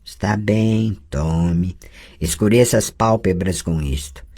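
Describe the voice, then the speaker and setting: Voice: low voice, slow, pitched below the performer's own voice. A reader voicing a patient, teasing sorceress. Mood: tender. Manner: calm, gently correcting, soft-spoken. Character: patient adult sorceress woman, teasing teacher. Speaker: audiobook reader. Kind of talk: audiobook dialogue reading.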